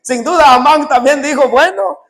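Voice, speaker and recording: A man's voice: very high-pitched, unhurried. A male preacher retelling a scripture story in a sermon and speaking directly to his congregation.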